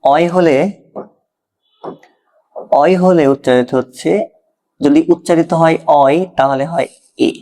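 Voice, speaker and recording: A man's voice: on the high side, a little slow, long pauses, dark tone. A man with a Bangladeshi Bengali accent teaching an exam-prep grammar lesson, explaining step by step and often checking if the learner follows.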